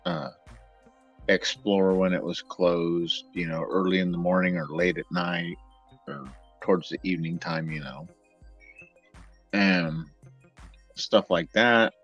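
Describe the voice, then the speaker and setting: A man from the San Diego area hosting a casual chat, telling stories in a relaxed, rambling way. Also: deep voice, slow pace, pauses often, highs cut off, faint music behind. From San Diego area, United States. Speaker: host.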